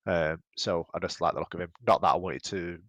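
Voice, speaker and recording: Male podcast co-host, low voice, dry teasing wit, dead-dry mic. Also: fairly even intonation, fairly quick, dry recording. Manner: dry, teasing, laughs often. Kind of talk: casual chat.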